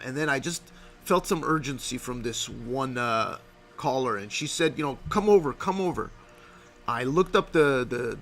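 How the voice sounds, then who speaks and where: A man's voice: mid-range voice, creaky, fairly bright tone. A man, a real estate investor, talking casually to camera in a brash, profane way and often checking in with "okay?". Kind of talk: casual vlog talk to camera.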